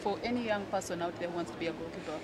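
A woman's voice: on the low side, very fast, very noisy. A young woman, interviewing in a friendly, chatty manner outdoors by a pool. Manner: friendly, chatty, laughs along. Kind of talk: casual interview. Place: outdoor poolside terrace. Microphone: handheld mic. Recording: outdoor ambience behind voice.

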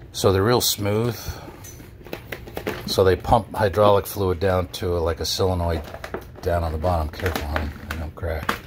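With noise in the background, a man with a deep voice walks through his docked yacht outdoors at a marina. He offers casual commentary, musing aloud in a relaxed way and drifting off at the ends of his thoughts.

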